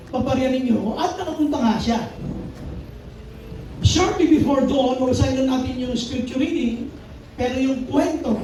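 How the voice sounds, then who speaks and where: A male pastor preaches in a high but mellow voice, moving between Tagalog and English as he reads the verses aloud. The sound is very echoey, picked up from across a church hall. Faint background noise runs underneath. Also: far from the mic. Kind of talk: sermon.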